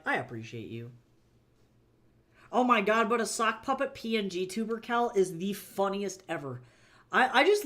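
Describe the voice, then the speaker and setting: Rambling, chatty live streamer, middle pitch. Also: fairly bright tone. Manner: chatty and rambling, lots of fillers and quick laughs. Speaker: indie fantasy author and streamer. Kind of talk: casual live-stream chat.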